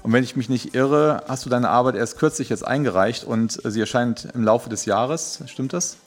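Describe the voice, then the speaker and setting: A man's voice: medium pitch, normal speed, faint music behind. A man hosting a podcast interview, introducing his guests in a hesitant way with many filler sounds. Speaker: podcast host.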